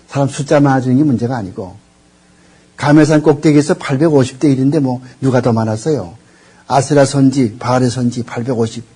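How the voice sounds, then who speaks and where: A man's voice: a little high, mellow, slightly rough. An older man lecturing on theology, rambling, searching for words and quizzing the audience with questions. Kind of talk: classroom lecture.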